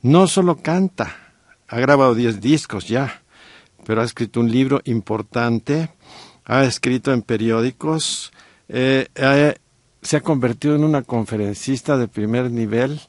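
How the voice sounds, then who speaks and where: A middle-aged man with a Mexican accent, telling a story on a radio talk show with many pauses and fillers. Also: medium pitch, no room sound, clean studio sound. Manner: warm storytelling with frequent fillers. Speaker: guest co-host.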